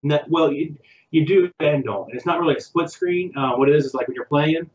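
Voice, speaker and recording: A man's voice: on the high side, a little fast, echoey room, muffled recording, crowd noise. A man co-hosting a casual podcast chat, rambling and hesitant as he goes down a list. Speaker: podcast co-host.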